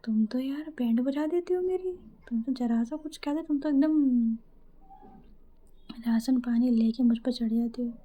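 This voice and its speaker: A woman's voice: sits high, measured pace, dull audio. A woman voicing a playful, teasing young policewoman who banters with her partner in a spoken story.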